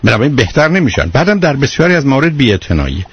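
Middle-aged man, radio advice host, patient and explaining, a husky tone, dull dry broadcast audio. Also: mid-range voice, no echo. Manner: calm, patient, explaining at length. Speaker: parenting advice expert on a call-in show.

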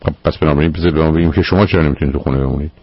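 A man's voice: a bass voice, fairly even intonation, slightly rough, no echo, muffled recording. A man hosting a radio call-in show as a psychologist, probing and lecturing his caller firmly. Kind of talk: call-in advice counseling.

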